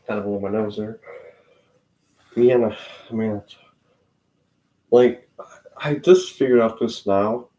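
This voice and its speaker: A man's voice: on the low side, takes it slowly, pauses often, dark tone. Rambling teenage boy, Upper Midwest accent. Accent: Upper Midwest American. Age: teens. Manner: rambling, loose, many filler words, self-interrupting. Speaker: racing channel host. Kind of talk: casual rambling vlog talk.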